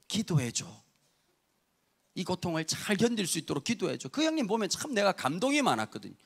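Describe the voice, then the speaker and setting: A male pastor from Busan, in his fifties, preaches with a high voice that leaps up and down. His delivery is that of a humorous storyteller who keeps turning to the congregation, and a gravelly edge runs through his voice. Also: a bit bright. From Busan, South Korea. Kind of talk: sermon.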